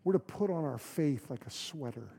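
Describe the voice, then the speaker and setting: Man, pastor, sermon, lively storytelling, mellow tone, echoing church hall. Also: fairly high pitch, moderate pace, creaky, slightly rough. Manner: animated storytelling, many restarts.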